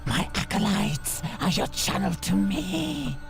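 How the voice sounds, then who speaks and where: Give this game villain an unearthly, ghostly sound: a wrathful evil god who speaks very slowly and with contempt. The voice is gravelly and creaking, with prominent music over it. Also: medium pitch, sing-song, exaggerated voice. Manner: slow, contemptuous, commanding. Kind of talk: video game voice acting.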